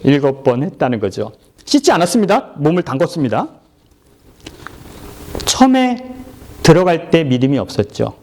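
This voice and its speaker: A man's voice: big pitch swings, moderate pace, long pauses, darkish tone. A middle-aged man preaching a sermon as pastor, talking conversationally, asking the congregation questions and acting out characters. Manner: acts out characters in low and high voices.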